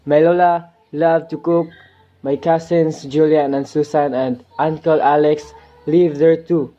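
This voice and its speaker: A man's voice: fairly high pitch, little pitch movement, measured pace, mellow, dull audio, faint music behind, close to an everyday voice. A young man playing a bored Filipino immigrant teenage boy who grumbles casually about food and loneliness, with a Filipino accent. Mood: grumbling. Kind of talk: student dramatic reading.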